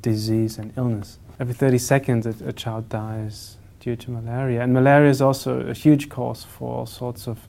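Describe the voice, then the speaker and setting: A man's voice: mid-range voice, little pitch movement, normal speed, creaky, few pauses, dark tone. A man giving an earnest advocacy statement, hesitant, with many fillers.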